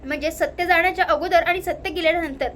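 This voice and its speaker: A woman's voice: very high-pitched, fairly even intonation, quick pace, a bit bright, a little hiss or hum. A woman with a Marathi accent casually recapping a TV serial episode, leaning on the same filler phrases. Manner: repeats filler phrases like "now here". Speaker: narrator retelling a TV serial episode. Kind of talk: casual spoken story recap.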